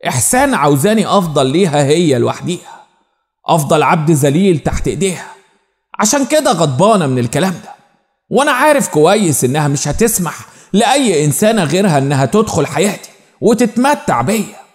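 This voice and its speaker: An expressive Egyptian man telling a first-person story with plenty of drama. His voice sits high and moves a lot in pitch, and a long reverb hangs on each phrase. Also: fast talker. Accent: Egyptian Arabic.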